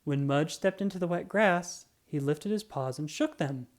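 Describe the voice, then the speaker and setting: At a medium pitch, a narrator reads aloud from a children's story, giving it expressive and deliberate storytelling delivery.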